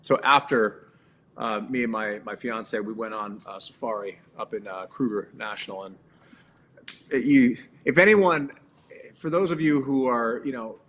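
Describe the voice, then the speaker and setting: A man being interviewed as a guest, telling animated stories with lots of fillers and restarts. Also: mid-range voice, a little slow, a little hiss or hum. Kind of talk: casual interview chat.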